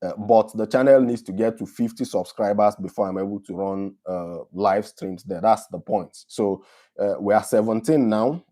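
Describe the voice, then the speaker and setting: A Nigerian man hosts a live stream Q&A, reading viewer questions aloud and answering them one by one. His voice sits low and sounds mellow and dark. He talks in an easy, conversational way. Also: normal speed.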